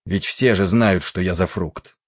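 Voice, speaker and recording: A man voicing a big, coarse, angry ship's stoker with a rough, defiant, scornful manner, in an audiobook. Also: sits low, measured pace, dry recording, studio quality. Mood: gruff.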